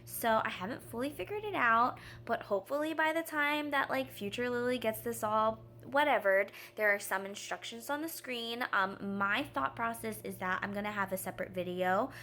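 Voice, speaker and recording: A woman's voice: fairly high pitch, moderate pace, few pauses, a little hiss or hum. Chatty young woman vlogging from her bedroom. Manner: chatty, relaxed, lots of fillers. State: out of breath. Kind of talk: casual vlog.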